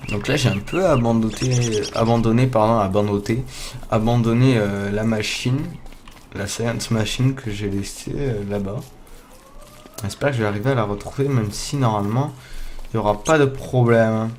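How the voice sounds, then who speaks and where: A young man giving casual let's play commentary, excitable, swearing often, talking to his viewers, with loud startled outbursts. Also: lowish voice, moderate pace, slight background noise. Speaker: gamer playing a survival game. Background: faint game music.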